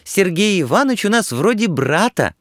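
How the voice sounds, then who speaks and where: A man's voice: high-pitched, sing-song, normal speed, fairly bright tone, no room sound, clean studio sound, pitched above the performer's own voice, exaggerated voice. A male reader voicing a naive young woman from a brothel, squealing eagerly in an audiobook.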